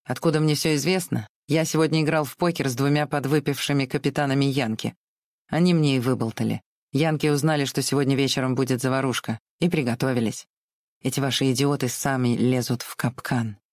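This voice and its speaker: A reader voicing a composed gentleman in an audiobook, brisk and urgent. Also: medium pitch, steady tone, no room sound, clean studio sound, lightly acted. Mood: coolly polite. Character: cool, composed Southern gentleman. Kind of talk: audiobook reading.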